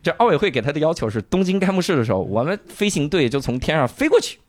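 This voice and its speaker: A man casually retelling a drama's plot on a chat show, acting out the characters' lines and bursting into loud swearing at the emotional moments. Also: a little high, fast, no room sound, clean studio sound. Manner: animated storytelling, acts out lines with loud swearing outbursts. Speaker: podcast co-host.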